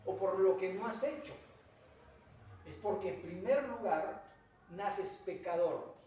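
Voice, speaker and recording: Mexican man preaching, high voice, earnest, hesitant fillers, faint room hum. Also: a little mellow. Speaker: pastor. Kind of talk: sermon. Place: church sanctuary. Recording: very echoey church from a distance.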